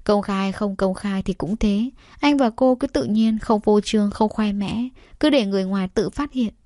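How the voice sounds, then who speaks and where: A woman reads a story aloud at a steady, even pace, her voice set in a middle register. The recording is dry and close, with no room sound. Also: mid-range voice, moderate pace, no echo. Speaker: narrator. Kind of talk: audiobook narration.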